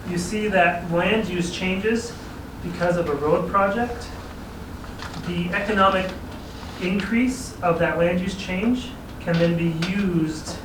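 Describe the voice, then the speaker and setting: His voice sits high and moves at a slow pace as this regional transportation planning staffer explains matters to a city council. Relaxed, he chuckles at his own asides. The chamber echoes, the mic is distant, and background noise is clear.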